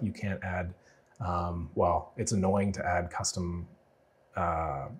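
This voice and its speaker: A man with a deep, husky, darkish voice talks fast, still getting over a cold. He's an automation freelancer walking through a client build in a screen-share tutorial, explaining casually and loosely with plenty of fillers.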